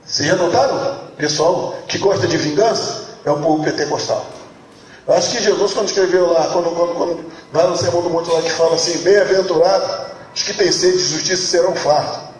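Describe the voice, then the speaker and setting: A man's voice: on the high side, fairly quick, slight background noise. A man with a Brazilian accent, preaching a sermon as pastor and telling a joke with voices. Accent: Brazilian Portuguese. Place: church hall. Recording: very echoey church hall.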